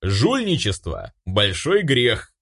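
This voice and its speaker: A man's voice: medium pitch, wildly swooping pitch, slow pace, fairly bright tone, slightly rough, heavily acted. A man reading an audiobook voices a self-righteous male angel with a preachy, lofty manner. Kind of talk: audiobook character voice.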